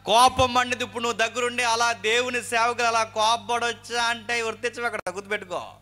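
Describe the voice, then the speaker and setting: Telugu preacher guy, really high voice, bright and pushy, keeps firing questions at the crowd. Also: steady tone, fast. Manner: emphatic, asks the congregation questions and repeats phrases. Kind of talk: sermon.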